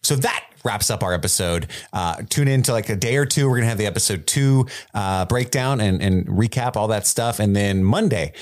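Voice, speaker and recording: Upbeat low-voiced male podcast host. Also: fairly quick, few pauses. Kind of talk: casual podcast chat and sign-off. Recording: voice over background music.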